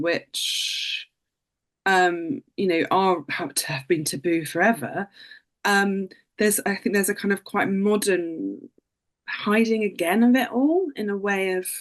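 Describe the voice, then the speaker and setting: Panel author: woman, a bit low, thoughtful, full of "kind of" fillers. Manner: thoughtful, many "you know" and "kind of" fillers. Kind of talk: panel discussion.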